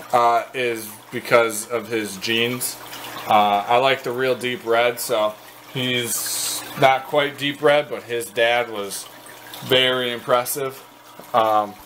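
A man from the American Midwest giving a casual, halting walkthrough of his basement fish tanks, full of fillers and restarts, recorded on a handheld camera. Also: mid-range voice, a bit bright, slight background noise. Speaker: fish breeder vlogger. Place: basement fish room, indoors.

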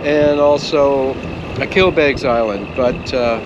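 Relaxed man from Canada vlogging outdoors. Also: medium pitch, slow pace, muffled recording, background noise. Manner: relaxed, chatty, many fillers. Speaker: sailing vlogger. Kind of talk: casual vlog narration. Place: outdoors on a sailboat. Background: music.

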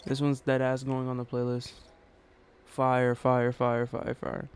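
Sitting in his small bedroom, this young adult YouTuber reacts to a rap track with a hip hop song playing in the background. He speaks in a clear, resonant, mid-range monotone at an unhurried pace, keeping it slangy and relaxed and cursing often.

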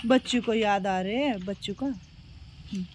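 A woman running an old-age home, gently reassuring a resident, switching between Marathi and Hindi. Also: mid-range voice, a little slow, slight background noise. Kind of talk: comforting vlog talk.

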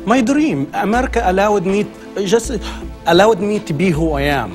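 Impassioned Egyptian man, lively high voice. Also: moderate pace, music in the background. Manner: earnest, impassioned, broken English. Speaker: actor, talk show guest. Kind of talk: passionate talk show discussion. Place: TV studio with live audience. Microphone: lapel.

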